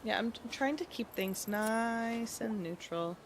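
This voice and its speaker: There's slight background noise as a woman streamer, a bit sniffly, talks casually and thinks aloud during her game. Her voice is a little high and her pace measured.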